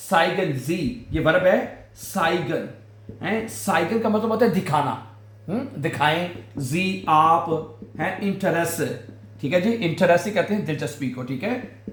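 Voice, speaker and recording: A man with a Pakistani Urdu accent teaching German phrases, repeating words slowly syllable by syllable. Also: on the high side, reverberant. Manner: slow, repeats words syllable by syllable with frequent "हैं" fillers. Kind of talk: language lesson.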